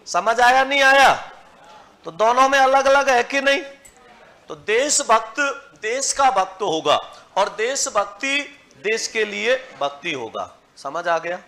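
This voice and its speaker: A man's voice: very high voice, sharp tone. A man teaching Hindi grammar to a class, quizzing students and having them repeat lists after him. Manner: drills lists slowly, syllable by syllable. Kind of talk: classroom lecture.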